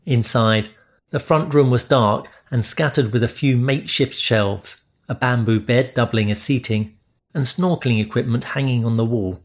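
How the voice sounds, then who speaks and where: An audiobook narrator with a mid-range male voice reads first-person romance narration in a steady, measured manner.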